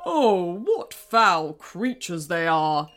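A woman's voice: high-pitched, huge pitch swings, slow, soft background music, voice pushed up, exaggerated voice. A woman voicing a pompous, furious bread-roll king in a storybook, bellowing and sneering.

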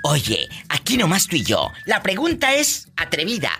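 A woman's voice: on the low side, wildly swooping pitch, moderate pace, sharp tone, soft background music. A woman hosting a comic call-in show, flamboyant, teasing and campy. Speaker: radio comedy host.

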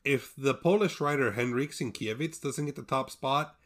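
A man's voice: mid-range voice, normal speed, fairly bright tone. A young man in his twenties co-hosting a podcast, chatting casually and joking with playful pomp. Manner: jokey, playful pomp in mock titles. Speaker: podcast co-host. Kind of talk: casual chat.

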